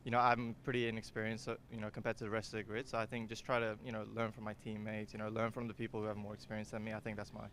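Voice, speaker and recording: Young racing guy from singapore, low voice, talks fast with loads of you-knows. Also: monotone, fairly bright tone, slight background noise. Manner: easygoing, filler-heavy with many you-knows. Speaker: racing driver interviewee. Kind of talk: casual interview.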